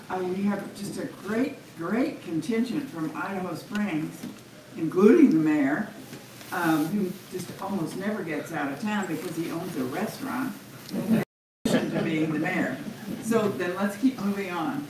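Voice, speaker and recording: A woman's voice: fairly low pitch, a little slow. A woman moderating a roundtable meeting, introducing people with chatty, laughing asides. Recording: echoey room, distant mic, background noise.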